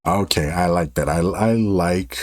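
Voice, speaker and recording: A man's voice: low-pitched, measured pace. A man giving casual reaction commentary on music as a host, drawing out words for emphasis.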